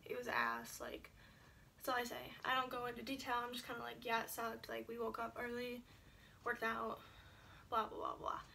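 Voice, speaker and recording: This chatty young vlogger has a gravelly, fairly high voice that sounds pushed and bright at a normal speed, and she tells a casual story to camera while seated at home, packing her talk with "like" and other fillers. The camera sits a little far away, and there's a slight hiss or hum.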